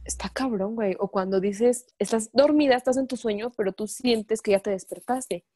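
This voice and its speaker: A young woman with a Mexican Spanish accent, chatting casually with friends and telling stories in a slangy, animated way. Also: fairly high pitch, moderate pace, no room sound. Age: young adult. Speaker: student. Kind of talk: casual chat among friends.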